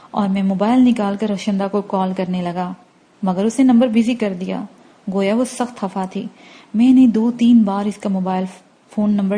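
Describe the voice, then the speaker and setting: A woman narrating a novel as an audiobook in a steady storytelling manner. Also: medium pitch.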